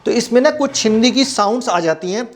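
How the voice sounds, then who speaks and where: A male English grammar teacher giving an exam-prep lesson. He explains in Hindi, reads the English examples slowly, and asks the class questions that he then answers himself. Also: very high-pitched, lively intonation.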